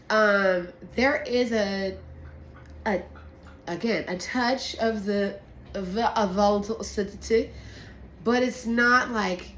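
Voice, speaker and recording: A woman sommelier talks through a tasting in a casual, slangy style. She takes her time and is playful with her asides. The room adds a clear echo, with faint noise behind her. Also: medium pitch, a bit bright. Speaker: sommelier presenting a blind wine tasting. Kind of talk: casual explanatory chat to camera.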